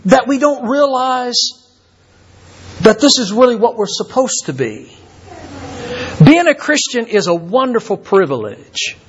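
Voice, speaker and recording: An older man from Kentucky, a visiting preacher who talks haltingly and repeats words, with many fillers. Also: very high-pitched, very animated, breathy edge, lo-fi sound. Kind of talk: sermon.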